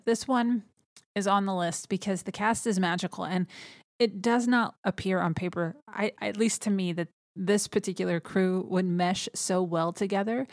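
A woman's voice: medium pitch, dry recording, clean studio sound. A woman hosting a podcast in an enthusiastic, chatty way. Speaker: podcast host. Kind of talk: casual chat.

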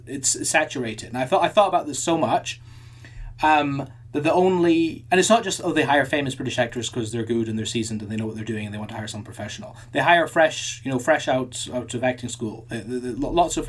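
A man's voice: mid-range voice, a little fast, slightly rough. A man co-hosting a podcast in casual chat, thinking aloud with frequent restarts and repeated words. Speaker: podcast co-host.

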